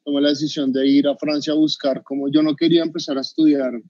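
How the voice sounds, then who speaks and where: Over a webcam on a video call, a chef guest in his thirties with a Bogotá Colombian Spanish accent shares his story, hesitant and prone to fillers and restarts. He talks fast in a voice that sits on the high side, shows little pitch movement, and sounds a little mellow without echo. The recording is dull and dry.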